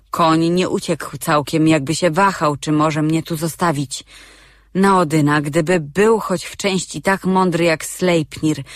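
A woman reading a first-person adventure story aloud as an audiobook, slow and measured. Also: low-pitched, dry recording, studio quality. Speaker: audiobook narrator.

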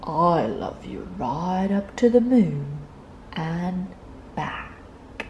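A big, tender grown-up hare from a picture book, read by a woman, patient and playful. The words are stretched out slowly, with plenty of rise and fall. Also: on the low side, animated, a little mellow, muffled recording, slight background noise.

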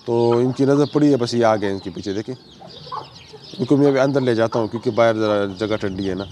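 A hoarse man, a poultry breeder chatting casually through a walkthrough and coaxing his birds. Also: medium pitch, brisk, warm tone. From Pakistan. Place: outdoor yard by chicken cages. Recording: noisy outdoor recording with chickens. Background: clucking chickens.

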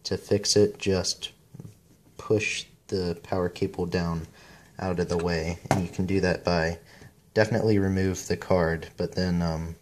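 Casting: low-pitched man, unhurried casual how-to delivery, halting, with whistly sibilant S's. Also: a little hiss or hum. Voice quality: whistling S sounds. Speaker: video maker giving a repair tip. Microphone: cell phone, close handheld.

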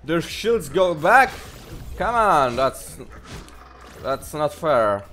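Man, gamer, casual commentary, swears, playful, slow, swooping voice. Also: a little high, big pitch swings, sharp tone.

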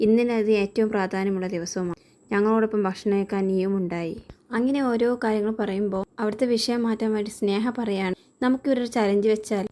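A woman's voice: medium pitch, mellow. A woman host casually retelling a TV serial episode, reading the characters' dialogue in her own voice.

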